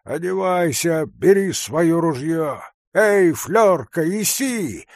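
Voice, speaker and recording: A bold, impatient young hunter , as a man reading a story puts him on, who urges and orders in a raised, ringing voice. The voice is slightly husky and very lively in pitch, and the recording is dry and close. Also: slow, no room sound, heavily acted. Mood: urging. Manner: urgent, commanding, shouting.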